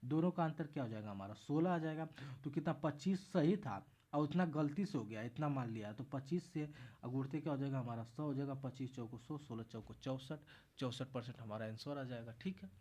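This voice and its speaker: A man's voice: medium pitch, a little fast, dark tone. A man tutoring math in a casual exam-prep lesson, walking through each step and repeating himself as he explains.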